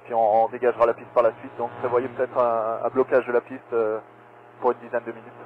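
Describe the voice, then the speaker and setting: Pilot on a cockpit radio headset. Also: male voice, mid-range voice. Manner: calm, procedural, measured. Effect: pilot speaking over cockpit radio headset. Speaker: airline pilot. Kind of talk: aviation radio exchange. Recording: tinny radio transmission with faint static.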